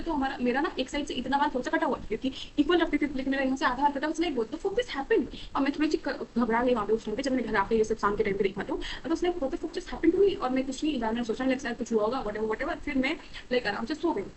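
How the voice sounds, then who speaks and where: A young woman telling a personal story to camera, animated and quick, mixing in English phrases with frequent fillers. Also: high voice, slight background noise, low-quality recording. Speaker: storytime vlogger. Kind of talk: casual storytelling.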